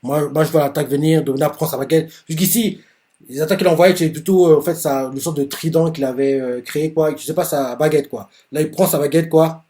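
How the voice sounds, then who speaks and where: Excitable, higher-voiced man retelling a manga. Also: fairly quick. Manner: excited, laughs often, full of fillers. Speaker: reaction video host. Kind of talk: casual retelling of a manga chapter.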